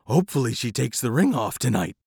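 A loud, barking mutt of a dog, put on by a male storyteller, his voice gravelly and full of rough edges. The pitch swings up and down as he growls out his lines, close and dry with no room sound. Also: big pitch swings, brisk, no room sound, heavily acted. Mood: bossy. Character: gruff scruffy male mutt dog, bitter.

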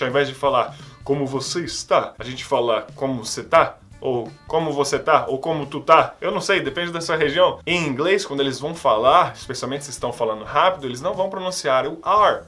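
Lively bright-voiced male English teacher. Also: on the high side. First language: Portuguese. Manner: lively, playful, models English phrases. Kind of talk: casual video lesson.

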